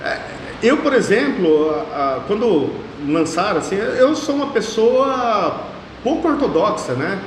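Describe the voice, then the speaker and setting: A man's voice: high voice, big pitch swings, a little slow. A man in his thirties with a São Paulo state Portuguese accent, a mayoral candidate speaking emphatically in an interview, repeating phrases for force. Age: 30s. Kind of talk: political interview. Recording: echoey room, faint background hum.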